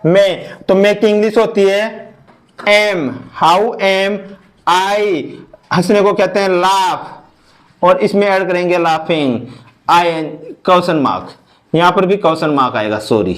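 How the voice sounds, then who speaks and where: Guy teaching english grammar, high voice, talks real slow and says everything twice. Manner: slow, repeats each step, mixes English into Hindi. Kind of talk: online grammar lesson.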